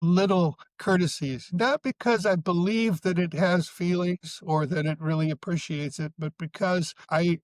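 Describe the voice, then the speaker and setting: A man guest talking thoughtfully and measuredly in a casual podcast conversation, slowing down on key points. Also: sits high, dry recording. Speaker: psychotherapist guest.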